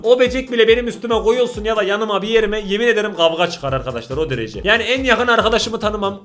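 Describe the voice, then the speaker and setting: A young man with a Turkish accent, reacting to prank videos in casual commentary, exclaiming, laughing and shouting. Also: high-pitched.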